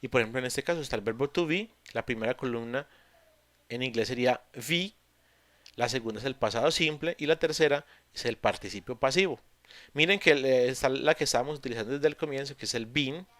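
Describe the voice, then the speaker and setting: A man teaching English in an online class, explaining patiently step by step with pauses and fillers. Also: mid-range voice, a bit bright, no room sound. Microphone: computer mic on a video call.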